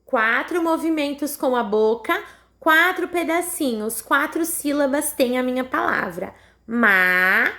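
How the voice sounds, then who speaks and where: A woman's voice: high-pitched, lively intonation, unhurried, a bit bright. A woman with a Brazilian Portuguese accent teaching a recorded lesson to young children, patiently sounding out words syllable by syllable and often checking in with the class. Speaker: primary school teacher.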